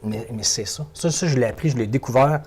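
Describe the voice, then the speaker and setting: A Québécois man from Quebec speaks in a mid-range, brisk, slightly mellow voice, with a touch of hiss or hum on the recording. He's a motivational speaker in an animated interview, repeating words and phrases for emphasis.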